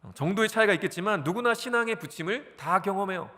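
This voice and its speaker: Male pastor, forties, animated sermon, bright tone, church hall reverb. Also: high-pitched, fast talker. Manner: animated, asks the congregation questions and answers them. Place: church sanctuary.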